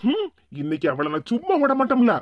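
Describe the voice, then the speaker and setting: A woman's voice: a little high, wildly swooping pitch, fast talker, dry recording, dull audio. A woman voicing a stubborn, angry young husband in Tirunelveli Tamil. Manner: insistent, hot-tempered.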